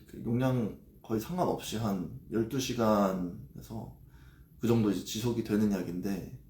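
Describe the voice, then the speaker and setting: A man talks slowly and haltingly into a livestream, pausing often between words. His voice sits low and mellow, and the room around him rings with echo. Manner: halting and hesitant, with many pauses and fillers. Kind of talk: confessional livestream talk.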